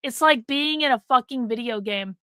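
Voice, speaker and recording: A middle-aged woman with a slightly high voice, at normal speed, pushed and bright, with a clear, resonant tone, hosts a livestream in studio quality with no room sound. She speaks bluntly and casually to chat, swearing freely and repeating herself for emphasis while losing her voice.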